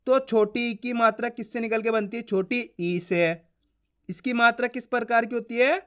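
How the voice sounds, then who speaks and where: A man teaching beginners to read Hindi in an online lesson, patiently repeating each point, sounding out syllables slowly and checking that viewers understand. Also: extremely high pitch, steady tone, pushed and bright, clean tone. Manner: addresses viewers as friends.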